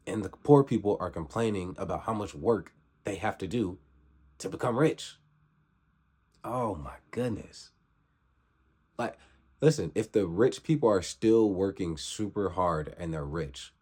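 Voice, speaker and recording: A young man in his twenties with a very low voice gives a motivational vlog talk. He preaches in circles and keeps circling back to the same urging lines. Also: a little mellow, breathy edge. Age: 20s. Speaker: vlogger.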